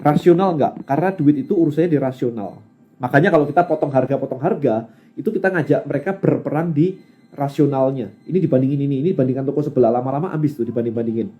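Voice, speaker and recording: A man with an Indonesian accent, answering questions in a casual live-stream Q&A as a business coach, animated and rhetorical, mixing in English words. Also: mid-range voice, lo-fi sound.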